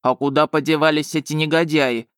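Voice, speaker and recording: A woman voicing a big, gruff male dog familiar who growls and blusters. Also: deep voice, fairly even intonation, brisk, no room sound, clean studio sound, lightly acted. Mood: flustered.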